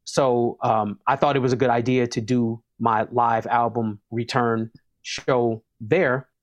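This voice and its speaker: A man's voice: medium pitch, little pitch movement, slow. A man, a hip hop artist talking casually as an interview guest, emphatic and prone to repeating words as he starts sentences.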